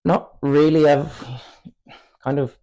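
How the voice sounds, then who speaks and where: A muffled recording captures a casual podcast chat with a twenty-something footballer from Cork, a native Irish speaker with an Irish accent, who rambles candidly and chuckles often. His warm voice is a little high, slow and flat in delivery.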